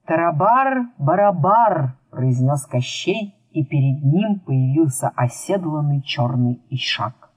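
A woman's voice: rumbling low, slow, dark tone, breathy edge. A woman narrating a fairy-tale book in a playful, theatrical storybook manner. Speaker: audiobook narrator.

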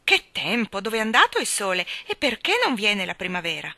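A woman voicing a fussy, genteel lady who talks in a high, prim tone. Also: sing-song, a little fast, pushed and bright, dry recording. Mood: chatty. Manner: high-pitched, shrill and prim. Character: fussy, genteel middle-aged lady with dogs.

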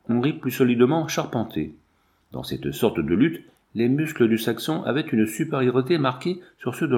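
A man narrating a novel in a steady, measured reading voice. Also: mid-range voice. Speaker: audiobook reader. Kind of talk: scripted narration.

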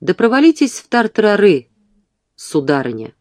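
A reader voicing a drunken, bullying gentleman who bellows and curses in a rough manner, read in an audiobook. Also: mid-range voice, sing-song, moderate pace, no room sound, studio quality, natural voice. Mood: brutal.

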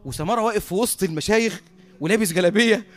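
An Egyptian man preaching a sermon as a lively storyteller who often laughs at his own tale. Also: high voice, rapid-fire.

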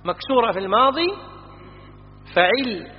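A man's voice: high voice, lively intonation, normal speed. A man teaches classical grammar, stopping often to quiz his listeners and stress each vowel. The recording is dull and lo-fi, with long reverb from a lecture hall. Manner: explanatory, quizzing students, stresses vowel patterns.

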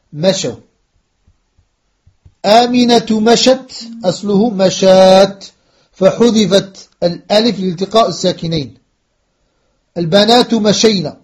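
Male grammar teacher, high voice, patient drilling of verb forms. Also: a little mellow. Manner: explains step by step and repeats conjugation drills, switching into French. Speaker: Arabic language teacher. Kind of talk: grammar lesson.

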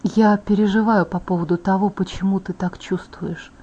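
A woman reading an audiobook voices a tender young immortal man, speaking softly and low. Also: fairly even intonation, normal speed, husky, highs cut off, close to an everyday voice. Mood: hushed earnest.

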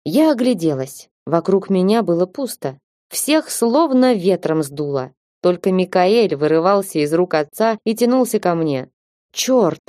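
Mellow woman reading an audiobook. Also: fairly low pitch, moderate pace, few pauses, no room sound, clean studio sound. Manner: lively, ironic storytelling. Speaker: audiobook narrator. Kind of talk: first-person audiobook narration.

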